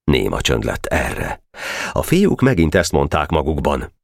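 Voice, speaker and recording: Low-voiced, expressive male audiobook narrator. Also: creaky, no room sound, clean studio sound. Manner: expressive, measured. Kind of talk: scripted narration.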